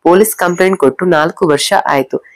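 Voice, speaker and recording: A woman's voice: lowish voice, quick pace, dry recording. Audio story: a woman playing a grieving husband, insistent and emotional. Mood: defensive. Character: husband grieving his missing first wife.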